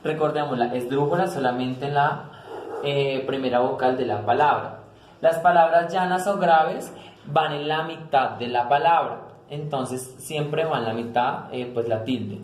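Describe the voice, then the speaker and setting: A man's voice: medium pitch, measured pace. A man giving a grammar lesson, explaining step by step, often checking in with listeners and correcting himself. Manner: explanatory, repeats "¿listo?" and "pues", self-corrects. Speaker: teacher. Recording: very echoey room, voice a bit far from mic, faint noise.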